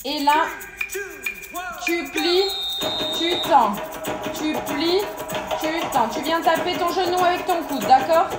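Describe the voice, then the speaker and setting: A woman's voice: extremely high pitch, slow, pauses often. A woman leading a workout class, chatty and joking, straining and out of breath as she exercises along. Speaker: fitness instructor. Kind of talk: live workout class coaching. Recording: echoey room with loud music.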